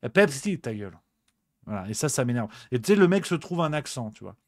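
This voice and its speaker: A man's voice: mid-range voice, big pitch swings, brisk, no room sound, studio quality. A male host delivering a comedic rant on a livestream show, exasperated and swearing, repeating his grumbles.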